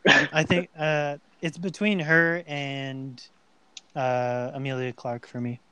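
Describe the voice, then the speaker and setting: A young man co-hosting a casual podcast chat, animated and rambling with a jokey manner. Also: medium pitch, slow pace, clear, resonant tone, no room sound. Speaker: podcast co-host.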